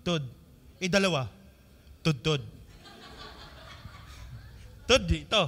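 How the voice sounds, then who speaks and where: A male pastor with a Filipino accent, preaching a sermon to his congregation and asking them questions, mixing English phrases into his talk. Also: moderate pace. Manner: swings between loud emphatic lines and quiet low asides.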